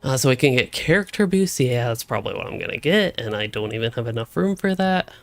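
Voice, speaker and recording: A young male gaming streamer rambles at a quick pace through casual commentary while playing on a live stream, thinking aloud at a desk mic in a room at home. He's hiccuping, his mid-range voice has vocal fry and big pitch swings, and there's no echo.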